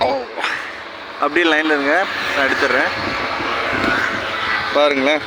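A man from rural Tamil Nadu, India, vlogs outdoors beside a tree-lined road, chatting casually with viewers and walking them through things step by step in a Tamil Nadu accent. His voice sits a little high, with little pitch movement and an unhurried pace. The recording is clear, with roadside and vehicle noise around him.

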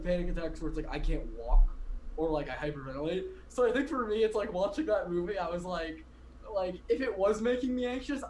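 A high-pitched man of about 20 joins a podcast by video call from indoors in his bedroom, chatting loosely, filling gaps with filler words and breaking off his own sentences. The recording is rough, with slight background noise.

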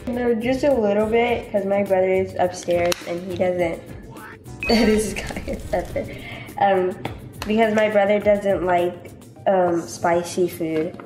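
In a slow, steady, mid-range voice, a young woman explains every step chattily as she cooks for a casual vlog in a big home kitchen. The room is echoey with music in the background, and she sometimes sets the handheld camera down further off.

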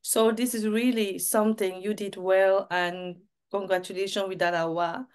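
Smooth-voiced woman hosting a video call. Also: mid-range voice, flat delivery, moderate pace. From Cameroon. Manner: warm encouraging interviewer with short affirming replies. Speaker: host. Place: home setup with virtual background.

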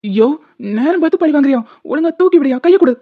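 A bickering young husband in a cartoon whines and threatens by turns, voiced high by a woman. The sound is narrow and tinny, like it came down a phone line. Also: animated, fast talker. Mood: pleading. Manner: pleading and cocky by turns, threatening. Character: bickering young husband, sprawled on a broken bed.

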